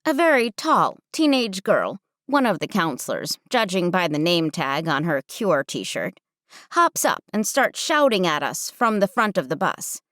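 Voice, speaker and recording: A woman narrating a first-person audiobook with wry, expressive storytelling. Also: fairly low pitch, a little slow, no room sound, studio quality.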